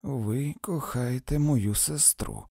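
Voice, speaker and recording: A tearful, bitter young woman in love as a male reader puts her on, his husky voice lifted a little and slowed in places. The gravelly edge stays under her lines. The recording is close and dry. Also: medium pitch, mellow, no echo, pitched above the performer's own voice, heavily acted. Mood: quiet confession.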